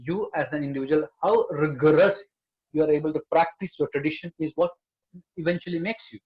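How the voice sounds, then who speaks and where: A man's voice: a little high, brisk, narrow, tinny audio. A man speaking earnestly as a panelist, stressing key words again and again. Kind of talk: panel discussion.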